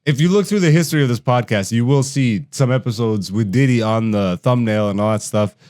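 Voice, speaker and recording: A man's voice: medium pitch, brisk, darkish tone. Joking young male podcast host. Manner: loose, joking, laughs often. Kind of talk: casual podcast chat.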